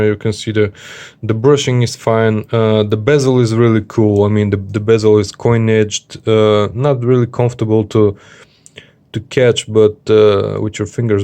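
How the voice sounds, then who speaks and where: A watch reviewer with a slightly deep, dark, smooth voice gives a casual, unscripted product review. He speaks informally and haltingly, stopping and starting as he searches for words.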